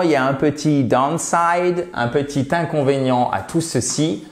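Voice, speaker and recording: A man's voice: mid-range voice, darkish tone, reverberant. A man teaching English to French speakers, calling his viewers "chers amis" and modelling example sentences. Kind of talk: French-language English lesson.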